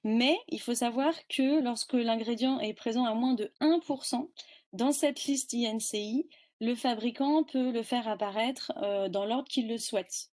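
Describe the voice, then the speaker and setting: Woman presenting a webinar, slightly high voice, explains things slowly with lots of pauses. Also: darkish tone. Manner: explanatory, hesitant with fillers.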